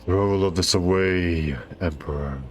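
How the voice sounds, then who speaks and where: A solemn, ancient wolf lord, acted by a man, speaks low and slow, almost at a hush, every word weighed. Faint music runs beneath. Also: lo-fi sound. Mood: stern. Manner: slow, low, grave and hushed.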